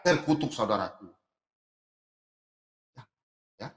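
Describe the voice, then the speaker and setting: A man preaching a sermon, who swings between shouted, drawn-out words and quiet asides. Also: mid-range voice, lively intonation, roomy sound. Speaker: pastor. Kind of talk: energetic sermon.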